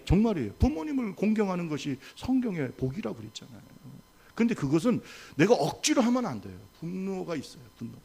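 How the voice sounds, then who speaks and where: A male pastor preaching a sermon to his congregation, with call-and-response and rhetorical questions, swinging from loud exhortation to soft asides. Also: sits high, very animated, fast, creaky, slightly rough. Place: church sanctuary.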